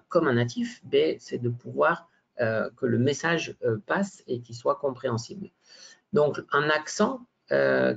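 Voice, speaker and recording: Gravelly, hesitant male teacher trainer. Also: mid-range voice. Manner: hesitant, many fillers, tag questions. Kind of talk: workshop presentation. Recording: dull lo-fi sound.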